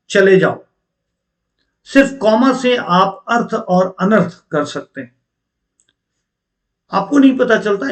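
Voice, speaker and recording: A man's voice: high voice, fairly bright tone. A man teaching an online exam-preparation lecture, explaining step by step and putting rhetorical questions to his students.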